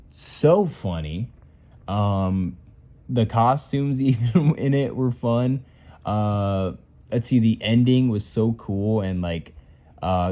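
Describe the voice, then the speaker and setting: Low, mellow-voiced man rambling casually. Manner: rambling, loose, full of "like" and "uh". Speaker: puppet skit creator. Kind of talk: casual commentary reviewing skits.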